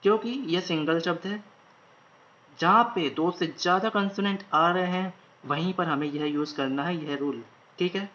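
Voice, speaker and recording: A man's voice: sits high, moderate pace, pushed and bright. A man teaching a shorthand lesson, repeating each word several times as he writes it out. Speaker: shorthand instructor. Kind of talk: online lesson. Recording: dull lo-fi recording.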